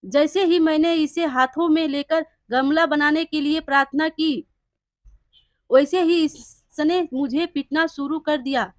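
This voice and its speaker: Brief: jealous, sly village blacksmith man, read by a woman narrator, high and dry voice. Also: unhurried, no echo. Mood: panicked.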